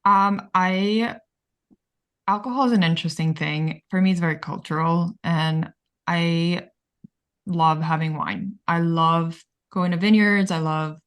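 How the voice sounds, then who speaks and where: An earnest woman from Bulgaria talks as a podcast guest in relaxed, casual chat. Her speech is full of fillers, and her voice sits a bit on the low side. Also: unhurried, clean tone. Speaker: podcast guest, business founder.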